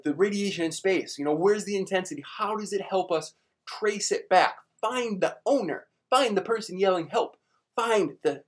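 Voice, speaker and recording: Speaking in a husky voice that sits high, a young science teacher hosts a live online space class for kids. Standing at a whiteboard, he chats playfully and explains big ideas with everyday examples.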